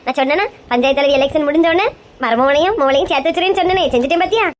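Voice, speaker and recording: A woman's voice: high voice, very fast, pitched below the performer's own voice, lightly acted. Woman doing a bossy mother-in-law with a Kanyakumari accent. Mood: pleading. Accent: Kanyakumari Tamil. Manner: scolding, bossy. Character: bossy scheming middle-aged mother-in-law. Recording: noisy recording.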